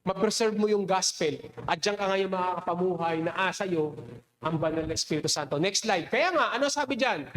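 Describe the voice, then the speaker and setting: A man's voice: high-pitched, fairly quick, a bit bright, slight background noise. A pastor preaching a sermon, telling a personal story with frequent laughter and a voice that rises when he acts out an argument. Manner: storytelling, laughs often, mixes English into Tagalog; raises voice when reenacting quarrels.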